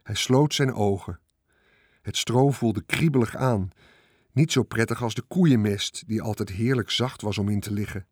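A man narrating a children's storybook, reading in a lively way. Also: lowish voice, moderate pace, no echo, studio quality. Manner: lively, character-voicing reading.

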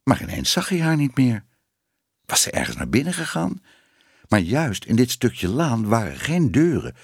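A man's voice: medium pitch, huge pitch swings, moderate pace, creaky, slightly rough, dry recording, studio quality. A man reading a children's story aloud as narrator, voicing the characters expressively.

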